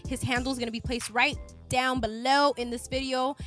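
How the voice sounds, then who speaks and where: A woman's voice: high-pitched, a little fast, soft background music. A woman hosting a casual podcast chat, laughing often and telling stories with lots of swearing. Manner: laughing, animated storyteller, swears freely. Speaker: podcast host.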